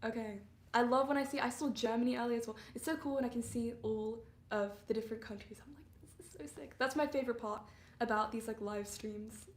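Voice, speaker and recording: Her voice fairly high, steady and fairly quick, a young English singer-songwriter chats on her music livestream in a roomy-sounding space. She has a mixed English and Canadian accent and seems a little under the weather. She giggles a lot and fills her chatty talk with fillers.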